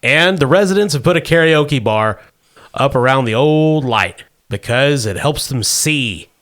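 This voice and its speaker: A man's voice: medium pitch, lively intonation, a little slow, a bit bright. A man hosting and narrating a comic tabletop game as game master.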